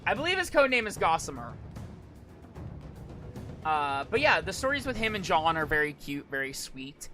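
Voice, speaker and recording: Over soft music, a streamer who is a virtual YouTuber talks at normal speed in a fairly high, sharp voice with big pitch swings. His live commentary is casual and rambling, full of hesitation, repeated words, and restarted phrases.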